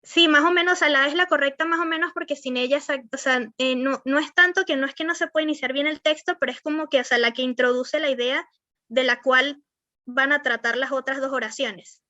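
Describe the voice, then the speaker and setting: A woman's voice: high-pitched, fairly even intonation, brisk, sharp tone, no echo, highs cut off. A young woman teacher with a Venezuelan accent, rambling through an online class with many fillers and frequent check-ins with her students. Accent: Venezuelan Spanish. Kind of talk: online class on verbal skills.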